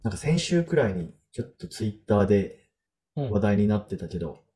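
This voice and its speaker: A podcast host with a fairly low, mellow voice chats in a relaxed way, thinking aloud and leaning on loose fillers. He keeps an easygoing, conversational delivery at a moderate pace, with soft music playing behind him.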